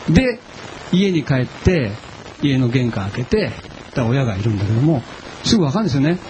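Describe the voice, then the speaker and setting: A man's voice: mid-range voice, very animated, brisk, darkish tone, a little hiss or hum, low-quality recording. A man preaching a sermon as a pastor, telling personal stories in a chatty way and asking the audience questions.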